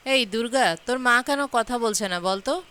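A man's voice: very high voice, normal speed, bright, forceful tone, clear, resonant tone. Woman reading as a tearful pleading old father-in-law. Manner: pleading, emotional.

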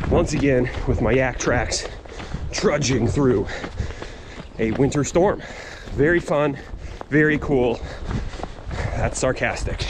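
A man in his thirties with an American accent talks casually to his vlog camera while running, slightly winded. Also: mid-range voice. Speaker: running vlogger. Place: outdoors on paths and sidewalks. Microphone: camera held at arm's length. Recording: outdoor action camera, noisy street ambience.

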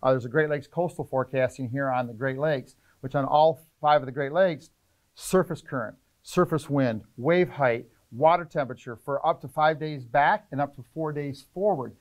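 A middle-aged man, a fishing charter captain, explaining trip planning in casual, energetic interview talk in an indoor tackle shop. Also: medium pitch. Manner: energetic, gestures a lot, lists points rapidly.

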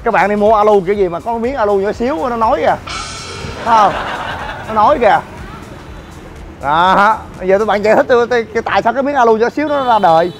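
A man's voice: high-pitched, lively intonation, fast, pauses often, over music. A man ranting to viewers while inspecting shoddy building work, scolding and exasperated. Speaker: gym owner and vlogger. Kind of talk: ranting vlog walk-through.

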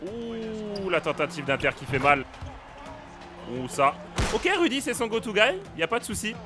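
Lively young man yelling at his basketball game. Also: high-pitched, normal speed, music in the background. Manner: excitable, yells at the game, laughs. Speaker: gaming streamer. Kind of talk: casual live game commentary.

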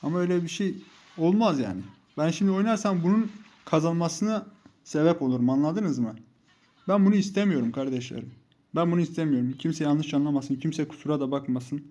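A man's voice: a little high, a little fast, warm tone. A young man commentating live over his mobile game, heated and mocking as he scolds his teammates. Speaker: gaming YouTuber.

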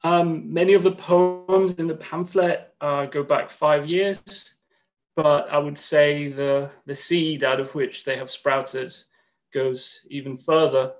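A man's voice: fairly high pitch, steady tone, faint music behind. Earnest man reading over a video call. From Greece. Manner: gently nervous, earnest thanks, then measured reading. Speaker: poet. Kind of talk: poetry reading at an online launch. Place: room at home, indoors.

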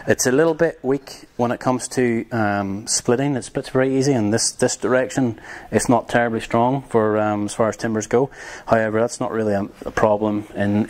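A young man, a tiny house builder, gives a relaxed, rambling hands-on demonstration of building materials, with lots of ums. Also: fairly low pitch.

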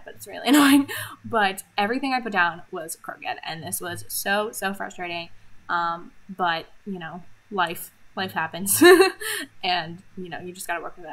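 A woman's voice: fairly low pitch, sharp tone, poor audio. A woman vlogger chatting casually over her planner setup, rambling with lots of ums and little laughs.

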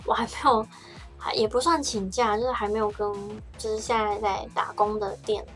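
A woman's voice: mid-range voice, a little fast, soft background music. A young woman in her twenties with a Taiwanese Mandarin accent, chatting casually on a livestream from home in a rambling way, often stammering and restarting her sentences.

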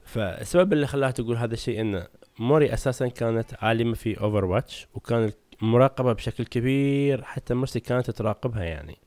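A man's voice: medium pitch, quick pace, darkish tone, no echo. A man hosting a gaming channel. He explains game lore in a chatty style and keeps asking his audience "right?".

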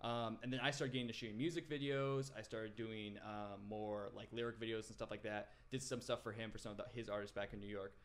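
Talking fast with few pauses, this twenty-something videographer guest rambles through his story in a casual podcast interview, often restarting and using fillers. His voice is on the low side with a level tone. He's recorded in a small podcast room on a desk mic mounted on a boom arm.

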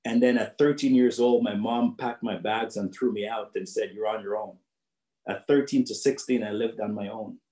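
Over a video call from his home office, a middle-aged man from Jamaica speaks earnestly to young people as a guest speaker, recounting a personal story and repeating phrases for emphasis. His Jamaican-accented voice is lowish and mellow, evenly intoned and moderately paced, in an echoey room.

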